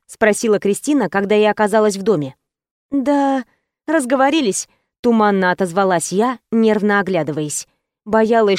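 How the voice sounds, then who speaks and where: A woman's voice: mid-range voice, darkish tone, no room sound. A woman narrating a first-person audiobook in an intimate, emotional storytelling manner, recorded close to the mic.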